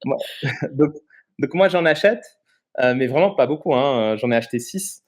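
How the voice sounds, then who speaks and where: A man in his thirties, originally from Morocco, talks as an interview guest at an ordinary middle pitch. He explains at length in a relaxed, conversational way, stopping often to find his words. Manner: explanatory, halting with frequent pauses. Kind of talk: casual interview chat.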